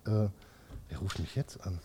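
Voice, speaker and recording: A man's voice: normal speed, very noisy. A middle-aged man, a podcast co-host, telling stories in a casual chat and acting out quotes. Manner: lively storytelling, acts out quotes, swears. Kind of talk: casual beer-fuelled chat.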